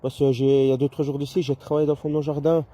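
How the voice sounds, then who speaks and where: A man with a mellow, fairly high voice and level tone talks at a racing pace over an amateur radio. He's outdoors in a garden, chatting casually and a bit hesitantly in a two-way exchange.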